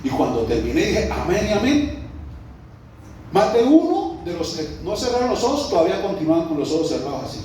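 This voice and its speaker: A pastor with a Colombian accent preaches a sermon, his fairly high voice ringing through a very echoey church hall. He sits back from the mic, and a faint hiss runs under his easy storytelling. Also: sing-song, fast, hardly any pauses, darkish tone. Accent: Colombian Spanish. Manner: storytelling preacher, conversational, addresses the congregation as brother. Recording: roomy echo, mic at a distance, faint background noise.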